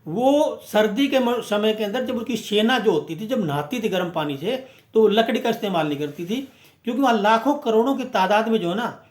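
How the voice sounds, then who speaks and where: A man's voice: high-pitched, lively intonation, fairly quick. A man giving an impassioned, emphatic speech as a movement speaker, full of rhetorical questions and repeated phrases. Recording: echoey room.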